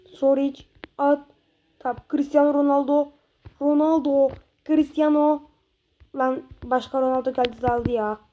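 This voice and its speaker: A gameplay streamer, a woman with a high, dark-toned voice, commentates her own football video game session at a level tone and a little slowly. She yells at her players, groans when a pass goes wrong and draws her goal calls out long.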